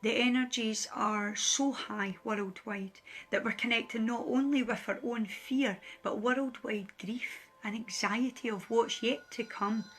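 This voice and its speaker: A woman's voice: fairly high pitch, pushed and bright. A woman speaking as a spiritual light worker, earnestly pleading with viewers in a heartfelt direct address, emotional and close to tears. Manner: earnest, pleading, repeats phrases for emphasis.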